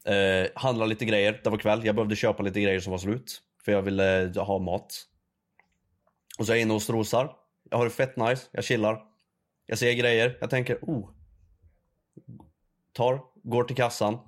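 A man's voice: on the low side, pauses often. A young man on a casual podcast, telling a story with lots of swearing, acting out the other people in it. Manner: animated storytelling, swearing, acting out a shouting clerk. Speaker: podcast co-host.

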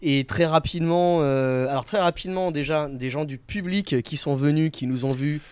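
Male podcast guest, animated and hesitant storyteller; dry, close recording. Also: on the high side, normal speed, smooth, dry recording. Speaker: guest, comedy night organizer. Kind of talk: casual interview chat.

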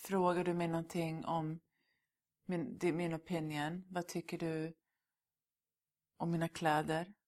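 A woman's voice: sits low, little pitch movement, long pauses, a little mellow. A middle-aged woman answering interview questions in a candid, emphatic way, slipping in English words.

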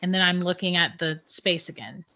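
A woman's voice: on the low side, moderate pace, bright, forceful tone, a little hiss or hum. A middle-aged woman, a guest psychic, telling her own stories casually and laughing often. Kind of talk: casual storytelling. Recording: dull lo-fi sound.

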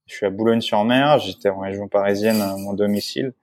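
A man's voice: lowish voice, fairly even intonation, fast, darkish tone. A man speaking as an interview guest, telling a personal story casually, with many restarts, fillers and asides to the listener. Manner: rambling, many restarts and fillers, frequent "tu vois"; emotional, candid recounting.

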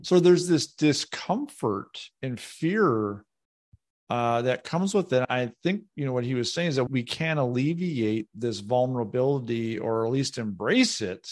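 A man with a medium-pitched voice co-hosts a podcast. He talks through his points in a conversational, discussion style. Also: expressive, a little slow, a little mellow. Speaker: podcast co-host.

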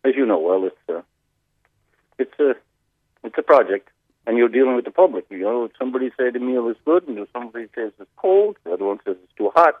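A man's voice: mid-range voice, animated, fast, no echo. Irish-American man on a phone line. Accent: North Cork Irish with an American twang. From North Cork, Ireland. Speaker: radio phone-in guest, pub owner. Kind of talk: casual chat. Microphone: telephone. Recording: narrow-band radio phone line.

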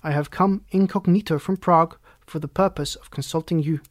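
A man's voice: on the high side, steady tone, fairly quick, dry recording, lightly acted. A man puts on a huge, proud Bohemian monarch for an audiobook. He speaks formally and haughtily, with agitation under the stately manner. The sound is dry and close. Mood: grave, formal. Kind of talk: audiobook character reading.

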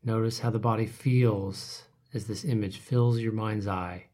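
A man leading a guided relaxation meditation, speaking softly and calmly, his phrases trailing off into whispers. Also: on the low side, a little slow. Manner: soft, calm, trailing off to whispers.

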